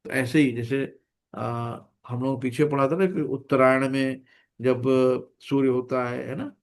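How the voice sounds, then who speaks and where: Chatty male Gita class teacher. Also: mid-range voice. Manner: chatty, keeps asking "है ना?", acts out little scenes. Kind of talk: conversational scripture class.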